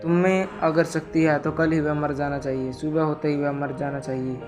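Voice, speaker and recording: A man's voice: a little high, level tone, normal speed, over music, close to an everyday voice. A man voicing a band of scheming monkeys in a storybook tale, talking in eager, pleading chatter.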